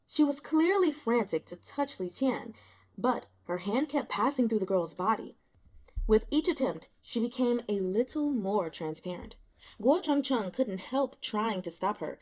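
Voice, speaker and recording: A woman with a mid-range voice narrates fiction for an audiobook, telling the story in an expressive way.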